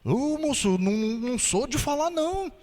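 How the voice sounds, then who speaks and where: A man voicing a shy, burly countryman from Minas Gerais, a former smoker who speaks slowly and hesitantly with a Minas Gerais accent. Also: extremely high pitch, sing-song, darkish tone, in a large hall. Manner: slow, hesitant, mumbling.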